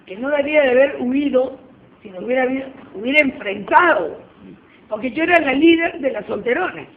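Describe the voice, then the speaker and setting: A woman, giving a lively church testimony and acting out the dialogue as she tells it. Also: sits high, fairly quick. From Peru. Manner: animated storyteller acting out dialogue. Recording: tinny phone-like line with faint noise.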